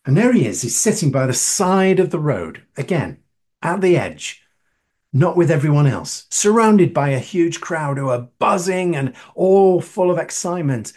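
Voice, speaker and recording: A man's voice: fairly high pitch, very animated, moderate pace, a little mellow. A man, preaching a sermon and putting questions to his listeners with emphasis. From northern England.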